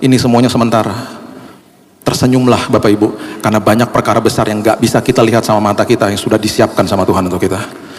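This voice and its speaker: A male pastor, preaching an emotional sermon that climbs high and loud when he is stirred. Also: level tone, fast talker. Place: church hall. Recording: long hall reverb.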